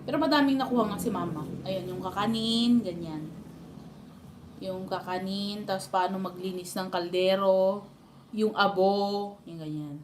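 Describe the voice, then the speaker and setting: A woman's voice: medium pitch, moderate pace, slight background noise. A woman with a Filipino accent chatting and telling family stories to her live stream viewers, laughing often. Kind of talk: casual live stream chat.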